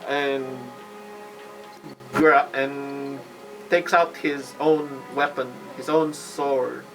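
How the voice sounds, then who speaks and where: A man narrating a live tabletop game as game master, halting and suspenseful. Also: mid-range voice, little pitch movement, over music, low-quality recording.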